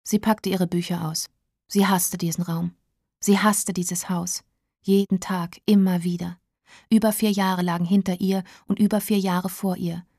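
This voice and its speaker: A woman narrating a novel as an audiobook, calm and measured. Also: on the low side, no room sound, clean studio sound.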